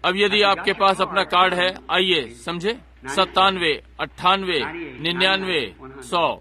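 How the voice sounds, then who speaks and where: A man's voice: high-pitched, fairly even intonation, unhurried, crowd noise. A man preaching a sermon and praying, talking earnestly and repeating himself, often turning to the congregation with asides. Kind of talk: Hindi sermon and prayer.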